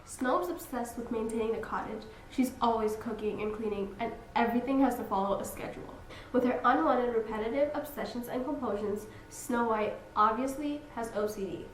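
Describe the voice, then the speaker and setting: In a student skit, a young woman plays a grumpy, blunt dwarf psychologist delivering a scripted diagnostic monologue in an exasperated, clinical tone. Her voice is a little high, brisk and natural, picked up by a distant, roomy camera mic with hiss.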